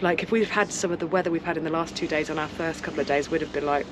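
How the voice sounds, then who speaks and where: A woman's voice: low-pitched, steady tone, very fast, noisy background. A woman chatting casually on a sailboat in an earnest, rambling way. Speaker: vlogger, sailing family mother. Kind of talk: casual vlog chat.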